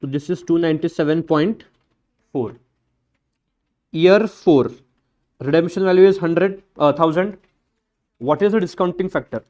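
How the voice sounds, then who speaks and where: A high-pitched man lectures a live class. He talks in a brisk, blunt and informal way, teasing his students as he works through each step. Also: mellow. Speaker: accounting lecturer.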